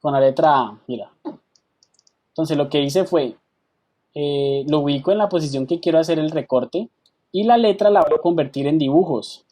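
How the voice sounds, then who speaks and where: In an online design class, a teacher with a mellow, warm voice on the high side guides his students through every step without hurrying. Throughout the call he keeps asking whether they're following along.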